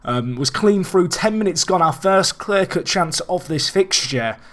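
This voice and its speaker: Unhurried and high-voiced, a young man with a slightly raspy, hoarse tone hosts a let's play, casually commentating his own football management game. He rambles and restarts his thoughts, perking up with excitement at big chances.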